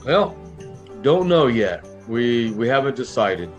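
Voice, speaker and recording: A man's voice: mid-range voice, very animated, slow pace, dull audio. Man acting a friendly wandering adventurer, jovial town-drunk manner, rambling, tabletop role-play, music behind.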